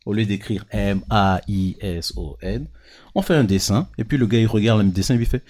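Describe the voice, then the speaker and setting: A man with a fairly low voice leads a casual classroom lesson for children, speaking into a handheld microphone. He explains step by step with patience. He keeps checking that the kids follow along. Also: moderate pace, darkish tone. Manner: patient, checks understanding with frequent questions. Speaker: teacher.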